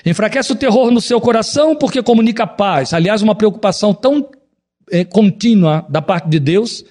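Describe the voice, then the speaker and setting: Mellow-voiced pastor preaching. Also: male voice, moderate pace. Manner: expressive preaching, swinging between raised exclamations and low solemn passages. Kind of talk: sermon.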